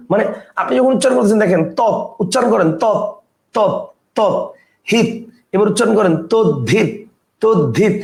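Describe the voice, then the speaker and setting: A man teaching a grammar lesson, explaining step by step and often asking whether the point is clear. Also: high voice, darkish tone, roomy sound.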